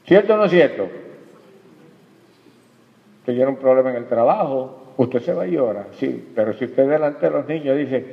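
A man's voice: mid-range voice, moderate pace, gravelly, hardly any pauses. A man preaching a sermon, often turning to the congregation with questions and calling them brother. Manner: addresses the congregation directly with questions and "hermano". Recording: lo-fi recording with long hall reverb.

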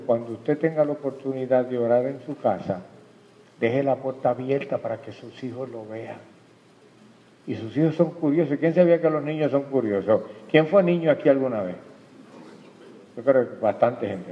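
A man preaching a sermon, often turning to the congregation with questions and calling them brother. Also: mid-range voice. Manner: addresses the congregation directly with questions and "hermano". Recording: lo-fi recording with long hall reverb.

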